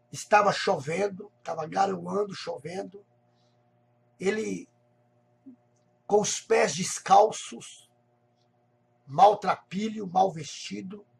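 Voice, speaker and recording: A male pastor telling a personal testimony in a sermon, slowly restating each phrase in several ways. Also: high-pitched, a little mellow. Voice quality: gravelly, husky voice. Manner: slow, repetitive, rephrasing each phrase.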